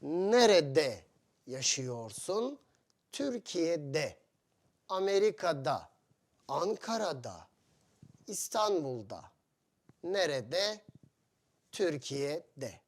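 A man teaching to foreigners in short, deliberate phrases, repeating simple examples. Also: a little high, very animated. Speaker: Turkish teacher.

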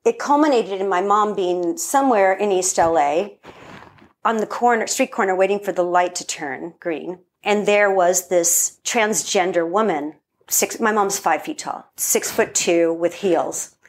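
Animated woman telling a family story. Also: mid-range voice, unhurried. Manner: animated storyteller, acts out quoted voices. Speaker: podcast guest, filmmaker. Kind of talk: casual interview storytelling.

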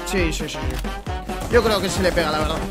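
A man's voice: a little high, brisk, loud music behind the voice. A young man from Spain with a Spanish accent, reacting to gameplay clips, exclaiming, laughing and swearing as he goes. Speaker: gaming YouTuber reacting to clips. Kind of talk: excited gameplay reaction commentary.

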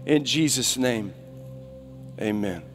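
A man's voice: mid-range voice, lively intonation, slow, faint music behind. Man preaching in a reverberant hall. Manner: swings from quiet reflective asides to loud urgent exhortation. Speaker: guest preacher. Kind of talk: sermon. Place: large church sanctuary stage.

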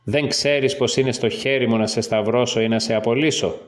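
A man voicing a stern, torn Roman governor in a slow, formal way. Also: mid-range voice, fairly even intonation, close to an everyday voice. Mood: probing.

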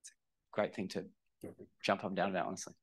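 A man from a timber manufacturer answering on a panel in a relaxed, conversational way with many fillers. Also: low voice, fast, breathy edge.

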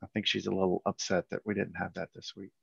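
A man co-hosting a casual webinar over a video call, halting and repeating words as he explains. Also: low voice, flat delivery, gravelly, husky, no echo. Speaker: company founder and co-host. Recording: muffled video call audio.

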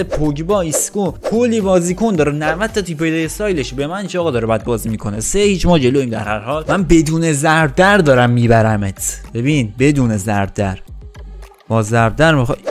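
A young man commenting excitedly on his own football video game match, shouting at the players and joking with viewers. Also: on the high side. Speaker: gaming YouTuber.

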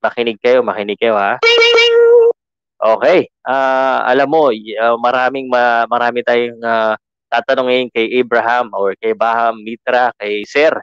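Man, Filipino accent, podcast host, casual rambling chat, smooth voice, dry lo-fi sound. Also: medium pitch, fairly even intonation, a little slow, fairly bright tone, no room sound. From Philippines. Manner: chatty, code-switching, frequent fillers and restarts.

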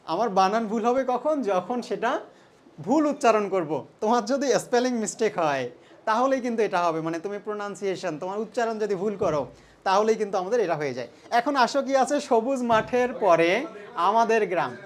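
A man's voice: sits high, animated, moderate pace. A young man from Bangladesh walks students through an exam solution lesson. He talks in a loose, conversational way, keeps asking his listeners questions and drops in English terms as he goes. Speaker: teacher.

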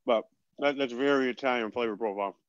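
A man's voice: medium pitch, quick pace, no echo, highs cut off. Chatty man talking food over a call. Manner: chatty, talks while eating, trailing restarts. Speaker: host. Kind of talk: casual cooking chat.

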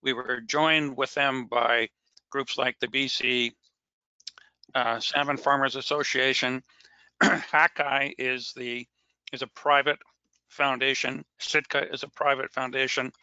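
Throat-clearing man presenting on a call. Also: mid-range voice, steady tone, pushed and bright, dry recording, muffled recording. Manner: halting, frequent restarts and throat clearing. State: losing his voice. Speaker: fisheries scientist presenting at a press conference. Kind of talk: presenting slides at a virtual press conference. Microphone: video call.

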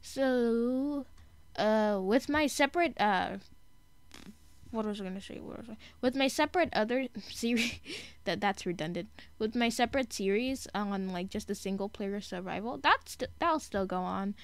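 A woman's voice: fairly high pitch, animated, normal speed, dry recording. A young woman giving casual, rambling commentary while playing a video game, chatty and giggly, often correcting herself mid-sentence. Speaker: gaming YouTuber.

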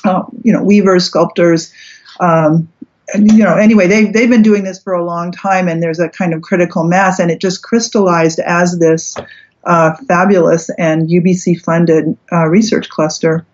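A woman's voice: fairly low pitch, steady tone, moderate pace, a little mellow. A Canadian woman, a philosophy professor, talking casually in an interview and wandering through asides and restarts. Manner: rambling, many restarts and asides. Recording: dull lo-fi audio.

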